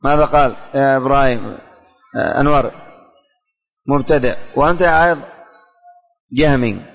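A man's voice: mid-range voice, moderate pace, creaky, big-room sound. A man teaching a religious studies class, calling on students by name, asking questions and repeating the answers.

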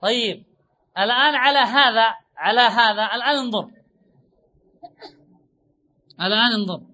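Very high-voiced, bright male teacher. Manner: repeats points and asks rhetorical questions; draws out example words slowly. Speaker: Arabic grammar teacher. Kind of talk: classroom lecture. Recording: dull lo-fi recording.

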